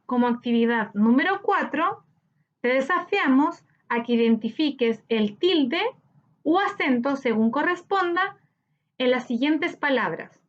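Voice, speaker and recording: Chilean spanish lady teacher, high voice that goes up and down a lot, slow careful lesson, kinda dull lo-fi audio. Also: animated. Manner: slow, clear, syllable-by-syllable teaching delivery. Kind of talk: recorded grammar lesson for children.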